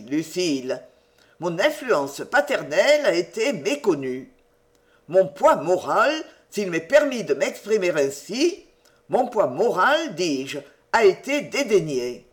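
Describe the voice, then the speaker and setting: A reader voicing a pompous, solemn male rector who sermonizes slowly and gravely. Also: medium pitch, sing-song.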